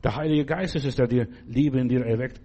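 A man's voice: medium pitch, fairly quick, warm tone. A man preaching a sermon in a fervent, exhorting way, speaking directly to the listener.

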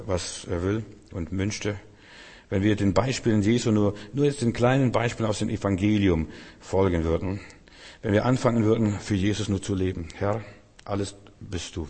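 In a church hall with long reverb, a male preacher delivers a sermon, firing off repeated rhetorical questions and addressing his listeners directly. His voice is on the low side with a darkish tone.

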